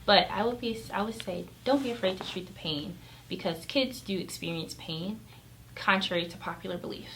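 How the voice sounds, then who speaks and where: Gravelly-voiced woman pediatric doctor. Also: mid-range voice, a bit bright, slight background noise, rough recording. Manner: measured, earnest explanations. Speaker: pediatric emergency physician. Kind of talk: interview answers.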